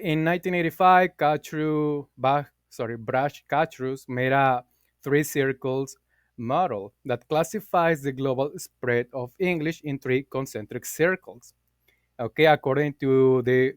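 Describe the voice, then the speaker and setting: A man talks through a class presentation at an unhurried pace. His voice is smooth and clear, recorded close and dry. He pauses often on fillers and corrects himself as he goes. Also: fairly high pitch, no room sound.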